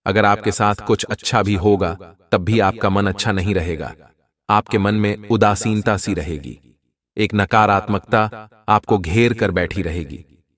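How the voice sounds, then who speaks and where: A man's voice: on the low side, far from the mic. A man presenting astrology in scripted narration, speaking earnestly and straight to viewers as friends.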